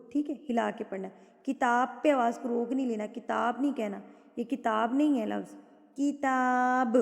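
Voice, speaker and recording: A woman teaches recitation rules in a patient, step-by-step way, asking and answering her own questions. Her voice sits high, and her recited verses are slow and drawn out. A long reverb trails behind her words. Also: creaky, a little mellow. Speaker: Quran tajweed teacher.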